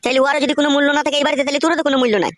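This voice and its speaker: A woman's voice: sits high, steady tone, racing, slight background noise, natural voice. A woman voicing a brash, crude young husband who answers back with defiant curses in a comedy cartoon. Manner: defiant, cursing retorts.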